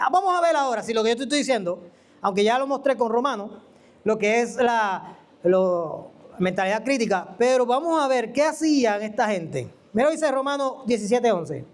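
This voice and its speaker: A preacher gives an animated, conversational teaching sermon, asking the listener questions. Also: medium pitch. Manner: animated, asks the listener questions and acts out quoted voices. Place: church.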